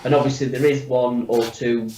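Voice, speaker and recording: A man's voice: medium pitch, level tone, normal speed, noisy background. A man with a blocked nose chatting casually on a video call, his voice sounding echoey and far from the microphone. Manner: chatty, opinionated, lots of fillers. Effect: echoey room sound, voice far from the mic. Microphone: computer mic on a video call. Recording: echoey, distant, dull mic on a call.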